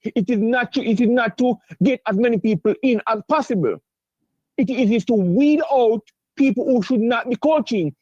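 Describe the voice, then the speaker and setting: High-voiced, stammering Jamaican-born male caller. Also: darkish tone, dry recording, lo-fi sound. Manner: halting, many stammered restarts and fillers; insistent, repeats himself. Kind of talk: call-in sports debate.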